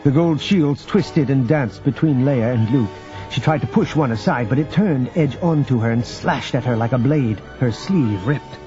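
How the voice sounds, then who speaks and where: A man narrating an audiobook in scripted narration, with even, measured storytelling. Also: medium pitch. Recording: dull audio with faint background music.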